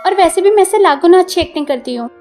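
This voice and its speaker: A woman's voice: very high voice, expressive, rapid-fire, music in the background. A woman voicing a possessive, jealous young stepsister.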